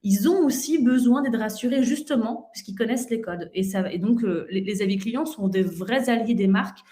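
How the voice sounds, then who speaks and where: A woman's voice: fairly high pitch, normal speed, warm tone, reverberant. A woman giving an expo conference talk, fluent but with frequent fillers and restarts. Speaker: conference speaker. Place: conference hall.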